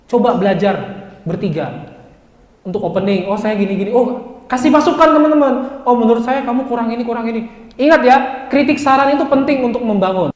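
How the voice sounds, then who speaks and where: Man, lecturer, classroom lecture, lively, joking, roomy echo. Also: very high-pitched. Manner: lively, joking, addresses students directly. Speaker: university lecturer. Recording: echoey room with long reverb.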